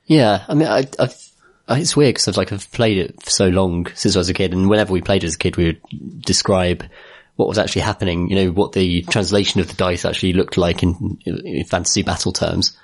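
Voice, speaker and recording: A man with a deep, low voice talks fast in a casual podcast conversation. His words tumble out in stumbling restarts, and he laughs easily along the way. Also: breathy edge. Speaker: podcast co-host. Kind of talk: casual chat.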